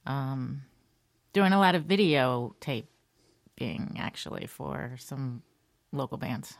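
A woman's voice: rumbling low, lively intonation, slow, dry recording, clean studio sound. Friendly middle-aged woman guest. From Connecticut. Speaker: podcast guest. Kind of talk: casual interview chat.

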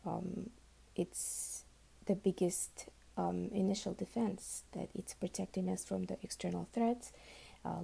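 A dark-voiced, very gravelly woman at medium pitch gives an unscripted introduction to her classmates, explaining she's a nurse. Originally from Uzbekistan, she speaks Russian natively. Her delivery is soft, almost a whisper, with frequent ums and false starts.

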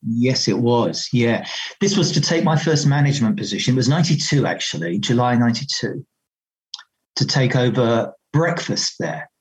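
A man's voice: medium pitch, expressive, normal speed, breathy edge, poor audio. A middle-aged man, a radio presenter reminiscing conversationally in an interview. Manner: conversational anecdotes, quoting others' remarks.

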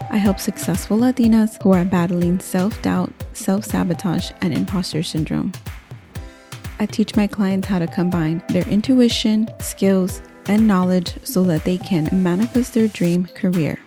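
A woman hosting a career podcast, with an encouraging scripted intro and then relaxed, supportive interview chat. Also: on the low side. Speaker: podcast host and career coach.

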